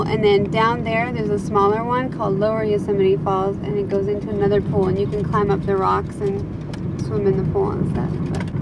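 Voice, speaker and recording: A young woman chatting as she points out sights from a moving car, recorded on an old camcorder tape through its built-in mic. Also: mid-range voice. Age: young adult. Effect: old camcorder tape audio. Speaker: traveler filming a trip. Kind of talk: casual home-video narration. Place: in a moving car on a road trip. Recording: hissy old camcorder tape with loud noise.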